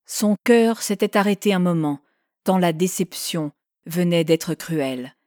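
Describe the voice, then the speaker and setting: A woman's voice: fairly low pitch, no room sound, studio quality. Woman reading a classic novel. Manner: measured, expressive literary reading. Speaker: audiobook narrator. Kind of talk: scripted narration of a novel.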